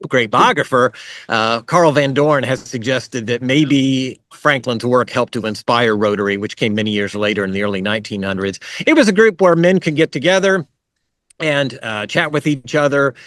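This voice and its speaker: Male lecturer, mid pitch, chatty and digressive, dry close sound. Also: animated, normal speed, a bit bright, no echo. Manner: conversational, with fillers and asides. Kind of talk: online history lecture. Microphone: video call.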